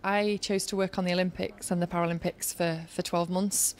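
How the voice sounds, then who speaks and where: A little fast and lowish in pitch, this woman's voice comes with a bit of hiss or hum. She's in her thirties, has a Yorkshire accent, used to be on Olympic organising staff, and answers interview questions earnestly with steady-flowing advice.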